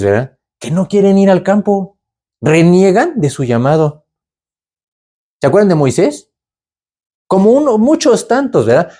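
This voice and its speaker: A man preaching a sermon in a conversational way. He keeps adding "¿verdad?" to his lines and lifts his voice to act out the people in the story. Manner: animated, jumps up in pitch to act out the people in the story.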